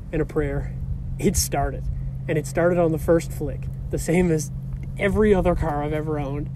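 A young man with a slightly higher voice tells a car story outdoors on a rocky shore. The talk is relaxed and chatty, with the odd "uh". Outdoor noise is clearly heard behind him. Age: young adult. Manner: relaxed, conversational, with fillers. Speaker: car vlogger. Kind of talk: casual storytelling to camera. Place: rocky seashore outdoors, beside a small fire.

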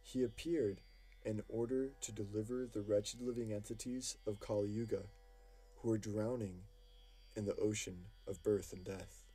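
A man reading devotional verses for an audiobook in a slow, measured, reverent delivery. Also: lowish voice, steady tone, dark tone, husky. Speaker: audiobook reader. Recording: music playing faintly behind.

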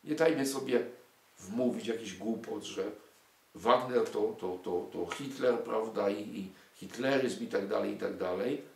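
Indignant older man lecturing, gravelly voice. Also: on the low side, measured pace, a little mellow. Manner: emphatic, rhetorical questions, indignant asides. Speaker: lecturer on music and culture. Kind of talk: spoken lecture to an audience. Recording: echoey room.

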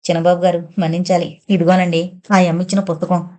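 A woman's voice: fairly low pitch, level tone, fast, mellow, lightly acted. A woman doing a frightened house servant. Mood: humble. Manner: humble, muttering to himself. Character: fearful male household servant.

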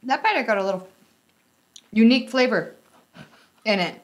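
A woman's voice: a little high, animated, normal speed. A woman in a casual food-tasting chat, talking with her mouth full while chewing, laid-back and chatty. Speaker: co-host.

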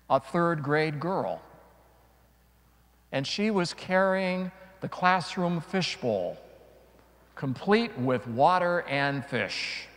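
Long reverb fills the large church as a middle-aged male priest addresses the congregation in a homily. His slightly high voice moves very slowly and deliberately, stopping for dramatic pauses.

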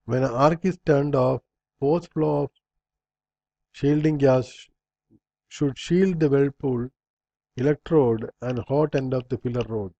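A man's voice: mid-range voice, measured pace, vocal fry, long pauses, warm tone, no echo, muffled recording. A man instructor reading slide bullet points aloud in a recorded lecture, in short fragments with small slips and restarts.

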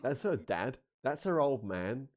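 British man, sweary and animated game streamer. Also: medium pitch, unhurried. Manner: sweary, incredulous, jokey. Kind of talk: casual gameplay commentary, reading game dialogue aloud.

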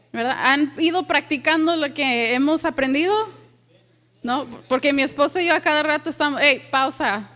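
In a church full of worshippers, a woman pastor whose voice sits high delivers an energetic sermon. She poses questions to the congregation and drops in bits of English.

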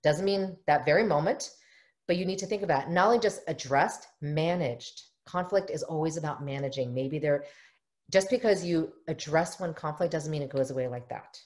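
This low-pitched, darkish voice belongs to a middle-aged family therapist from the United States teaching an online workshop over a webcam in her home office. She explains things earnestly, frequently performing quoted voices, and the audio comes from the video call's webcam mic.

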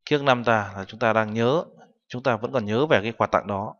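A man's voice: mid-range voice, normal speed, fairly bright tone. A man teaching a language lesson, patiently explaining and translating each term word by word. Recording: dull recording with long reverb.

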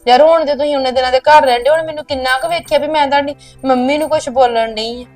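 An actress playing a young wife who speaks to her husband in a soft, coaxing, pleading way. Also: sits high, steady tone, fast talker, dry recording, faint music behind, natural voice. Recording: distant from mic.

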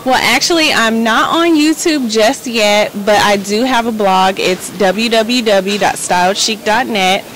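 A woman fashion blogger giving calm, unhurried answers at an expo, into an interviewer's handheld mic. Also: fairly high pitch, a little hiss or hum, poor audio. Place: busy indoor expo hall.

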